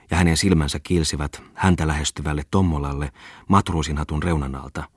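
A man narrating a classic novel as an audiobook in a measured, even way. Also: extremely low pitch, breathy edge, no echo, clean studio sound.

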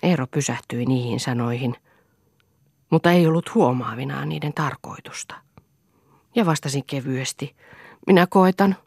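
A woman narrating a literary novel as an audiobook in a measured way, often dropping to a hushed, breathy tone. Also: a bass voice, no room sound, clean studio sound.

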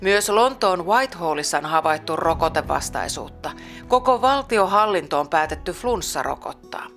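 Female presenter, lowish voice, playful scripted read over soft music. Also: animated. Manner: playful, teasing. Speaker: program presenter. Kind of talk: scripted narration.

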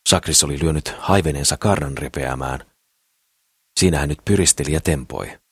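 A man narrating an audiobook novel in a measured, even storytelling manner. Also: rumbling low, husky, dry recording, clean studio sound. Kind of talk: scripted narration.

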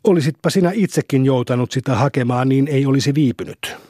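Brief: gruff, brooding farmer husband, read by a man, husky and curt. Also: medium pitch, mellow, dry recording, studio quality, close to an everyday voice. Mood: sullen. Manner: grumbling, curt. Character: sullen, gruff middle-aged farmer husband.

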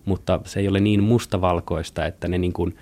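A man's voice: deep voice, steady tone, a little mellow. A man talking casually and hesitantly in an interview, with colloquial fillers and restarts. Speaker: author.

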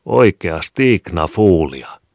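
A man voicing an earnest, naive little boy in a read-aloud story, speaking slowly and emphatically. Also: rumbling low, fairly even intonation, a bit bright, dry recording, studio quality, heavily acted.

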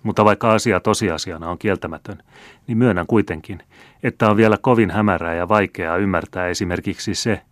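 A man's voice: low voice, dry recording, clean studio sound, lightly acted. A man reading an old, reasoning storyteller. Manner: measured, explanatory storytelling. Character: elderly male storyteller, calm and reasoning. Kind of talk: audiobook character reading.

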